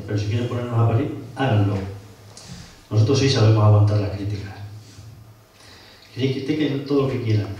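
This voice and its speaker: A man's voice: mid-range voice, dark tone, dull audio, a little hiss or hum. A man with an Extremaduran Spanish accent, an opposition town councillor making a combative council meeting speech and hammering his opponents with repeated questions. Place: council chamber. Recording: very echoey hall, distant mic.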